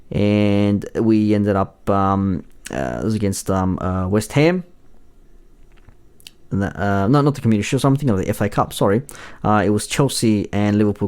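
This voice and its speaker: Hoarse and husky after shouting in a bar, a young podcast host rambles through a solo football preview, full of fillers and self-corrections. His voice is on the low side.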